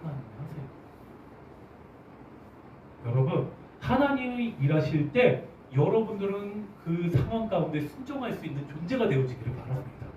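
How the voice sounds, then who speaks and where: A man preaching a sermon as pastor, animated, putting questions to his congregation. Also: sits high, brisk, a little hiss or hum. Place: church hall. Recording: roomy, distant, dull church recording.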